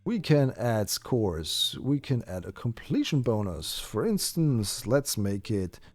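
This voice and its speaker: A man whose first language is German chats through a live game stream, very animated yet slow, thinking out loud with lots of fillers and restarts. His voice is medium-pitched, with no room sound.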